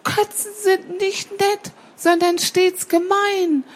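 A tiny, timid sparrow chick, as a woman reading a storybook puts it on, polite and anxious. The voice is pitched very high and thin, well above an ordinary speaking voice. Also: flat delivery, takes it slowly. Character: small polite fearful sparrow child.

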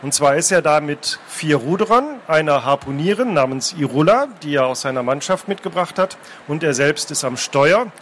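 A man reading fantasy adventure prose aloud, taking turns with a second reader and shouting out the characters' cries. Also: on the high side, animated, normal speed, hardly any pauses, slight background noise. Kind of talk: dramatic book reading, alternating narration.

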